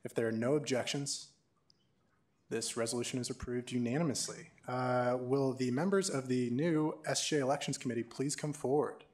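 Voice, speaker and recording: A young man presiding over a student government meeting, moving through motions in a brisk, procedural way. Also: mid-range voice, fairly even intonation, darkish tone. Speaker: meeting chair.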